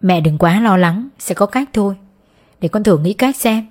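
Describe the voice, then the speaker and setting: A woman reading an audiobook, voicing a young man who calmly reassures his mother. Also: medium pitch, lightly acted. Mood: reassuring. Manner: measured, reassuring. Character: young adult man, calm son steadying his mother. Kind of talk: audiobook character voice.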